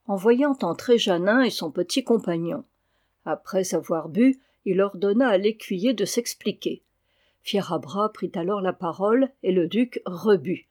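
Steady audiobook narrator. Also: mid-range voice. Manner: steady, measured reading. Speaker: audiobook reader.

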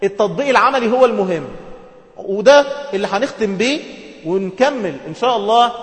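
High-voiced Egyptian man teaching in an echoey hall. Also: animated, fast talker. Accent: Egyptian Arabic. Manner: explanatory, acts out short example dialogues. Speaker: communication skills trainer. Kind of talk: instructional talk to women viewers. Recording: echoey hall with long reverb.

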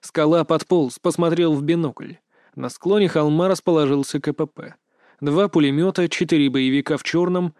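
A man tells a war story in short, punchy sentences. His voice is a little high for a man. The recording is dry and close, with no room echo. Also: a little mellow. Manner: terse, clipped action narration. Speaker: narrator. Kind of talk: scripted narration of a war story.

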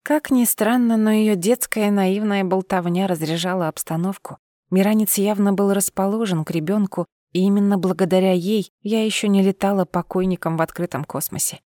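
A woman reading a first-person audiobook in a steady, expressive voice. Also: medium pitch, fairly quick, no echo, clean studio sound. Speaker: audiobook narrator.

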